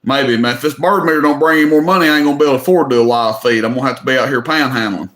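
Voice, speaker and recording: Rapid-fire and a bit bright, his medium-pitched voice fills a roomy-sounding space. He's a middle-aged Southerner from Tennessee running a live online auction, chatting casually in a folksy, joking drawl and saying "y'all."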